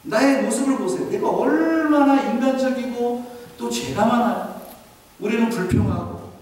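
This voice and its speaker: A man preaching a sermon as pastor, lively and full of rhetorical questions to his congregation. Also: very high-pitched, moderate pace. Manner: animated, asks the congregation many rhetorical questions. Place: large church sanctuary. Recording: echoey church hall from far off.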